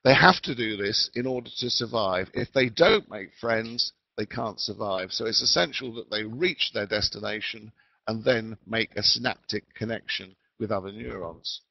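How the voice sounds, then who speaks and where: A man giving a measured educational talk over a patchy online call whose sound fades in and out. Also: lowish voice, vocal fry, dry recording. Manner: measured, deliberate explaining. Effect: patchy online call audio that fades in and out. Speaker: webinar speaker. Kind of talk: educational lecture. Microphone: remote call mic. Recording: dull lo-fi call line, dry.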